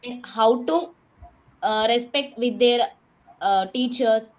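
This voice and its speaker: A woman's voice: fairly high pitch, takes it slowly, poor audio. A woman teacher with an Indian English accent answering questions carefully, with hesitant fillers, in a speaking practice session.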